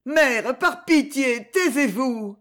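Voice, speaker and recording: A gentle, anxious young daughter from a storybook, read by a woman, soft and pleading. Her voice moves in lively swings. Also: a little high, measured pace, pitched above the performer's own voice.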